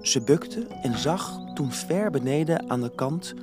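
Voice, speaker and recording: Guy reading a kids story, pitch moving all over, soft music under it. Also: takes it slowly. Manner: expressive, lively reading. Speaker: narrator. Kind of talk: storybook narration.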